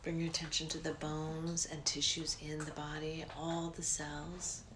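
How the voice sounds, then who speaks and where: A woman guiding a meditation in a soft, breathy near-whisper, slow and soothing, with long pauses. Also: deep voice, level tone, background noise. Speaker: meditation guide.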